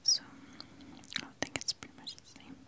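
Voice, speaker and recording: Casting: woman for a whispered ASMR unboxing, fully unvoiced and breathy, thinking aloud gently at close mic. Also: normal speed. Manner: talks with a candy in the mouth. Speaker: ASMR video creator.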